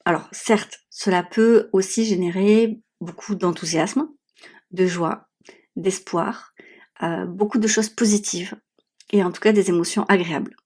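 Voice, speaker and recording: A woman's voice: mid-range voice, fairly even intonation, measured pace, a little mellow, slightly rough. A woman podcast host talking reflectively and conversationally, with a small, stuffy-nosed voice affected by swollen tonsils. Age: adult, has children. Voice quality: congested, slightly nasal small voice. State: sore throat, swollen tonsils, blocked stuffy nose. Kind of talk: conversational solo podcast monologue. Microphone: newly bought podcast microphone.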